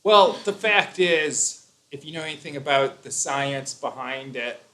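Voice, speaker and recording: A man's voice: fairly high pitch, expressive, unhurried, pushed and bright. A man hosting a casual live stream, explaining his views at length with fillers and restarts.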